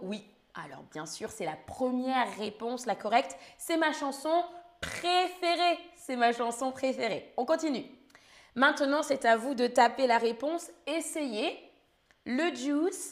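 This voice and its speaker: A woman hosting a live-streamed language lesson, her voice a touch hoarse. She speaks in a somewhat high register at an unhurried, deliberate pace. She spells words out letter by letter for her learners. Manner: slow, carefully articulated, spells words letter by letter. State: slightly hoarse voice. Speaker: French teacher for learners.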